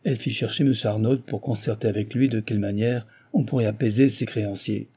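A man narrating a classic novel in a measured, steady reading voice. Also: fairly low pitch, slightly rough. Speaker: audiobook narrator.

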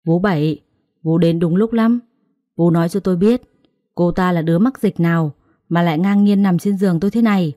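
A woman's voice: fairly low pitch, brisk, mellow, dry recording, studio quality, close to an everyday voice. Woman doing an arrogant young master. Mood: cold. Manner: curt, scolding.

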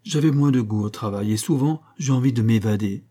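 Man, audiobook narrator, classic literary story, measured expressive reading, dark mellow voice, husky. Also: mid-range voice.

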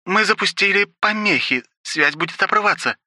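A man voicing a weary female maid with a rough, scratchy voice in an audiobook. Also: high-pitched, expressive, normal speed, sharp tone, no room sound, studio quality, pitched above the performer's own voice, heavily acted.

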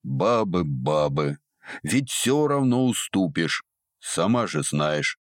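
A sly old overseer from underground, gruff and scornful, drawling his words in a deep, low voice, as a male narrator plays him. The reading is close and dry. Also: sing-song, takes it slowly, dry recording, full character voice. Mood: gruff mocking.

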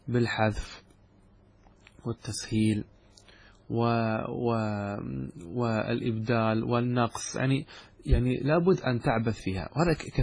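Husky-voiced man teaching Arabic grammar. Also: mid-range voice, darkish tone. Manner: explains step by step, asks questions and answers them himself; draws out example words slowly. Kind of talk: classroom lesson on Arabic grammar.

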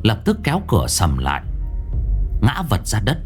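Male horror narrator, deep and highly expressive, slow and dramatic. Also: faint music behind. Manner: slow, dramatic, drawing out sound words. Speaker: storyteller. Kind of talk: scripted horror story narration.

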